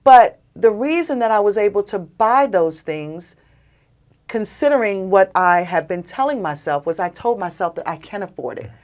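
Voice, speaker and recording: A woman, a guest on a podcast, telling personal stories in an animated, emphatic, conversational way. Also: mid-range voice, moderate pace. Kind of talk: conversational storytelling.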